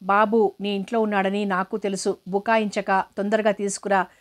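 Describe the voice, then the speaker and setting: A woman's voice: mid-range voice, flat delivery, normal speed, natural voice. A woman reading the lines of a stern, impatient scheming woman in a storybook reading.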